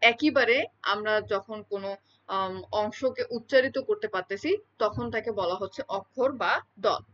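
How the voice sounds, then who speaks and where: A woman teaches a lesson in an explanatory lecture style, repeating key terms and checking in with her listeners often. Her voice is fairly high and fairly bright, on a dull lo-fi recording.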